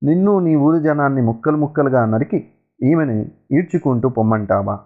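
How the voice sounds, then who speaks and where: A man's voice: medium pitch, normal speed, lightly acted. A man voicing a cruel, menacing invading king who roars out threats, on a tinny, phone-like recording. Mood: threatening. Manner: roaring threats.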